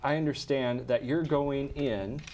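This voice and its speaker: A man's voice: mid-range voice, a little slow, darkish tone. A man, a primary care doctor, hosting a medical call-in show, chatting with guests and reading out how to send questions. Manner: friendly, conversational, reads call-in details.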